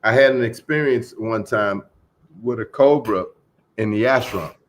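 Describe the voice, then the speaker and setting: A man telling stories in a casual group chat, animated and acting out the people in them. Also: on the low side, measured pace, slight background noise. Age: 20s. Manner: animated storyteller, acts out voices and quotes.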